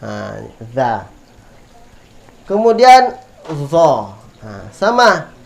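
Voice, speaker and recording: Slow, patient Indonesian Quran teacher, man. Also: fairly high pitch, expressive, slight background noise. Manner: patient, repeats sounds slowly for students to copy. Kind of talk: tajweed lesson with drilled letter sounds.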